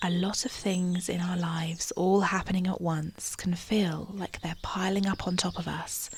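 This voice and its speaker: A woman with a fairly low voice leads a guided meditation, speaking softly and breathily, almost in a whisper. Her delivery is calm and soothing, measured, and broken by long pauses.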